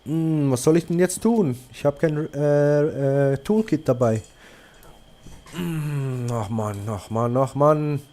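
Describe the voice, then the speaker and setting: A man's voice: a little high, takes it slowly, dark tone. A man from Switzerland with a Swiss German accent, commenting on his own gameplay, swearing and muttering to himself. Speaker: gaming video creator.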